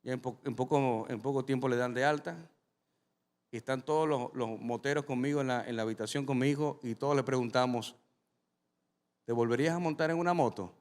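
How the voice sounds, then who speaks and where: A man's voice: medium pitch, a little fast. Man preaching in an echoing hall. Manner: animated, addresses the congregation directly. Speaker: pastor. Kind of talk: sermon with personal storytelling. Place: large church hall with a congregation. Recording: long reverb from a large hall.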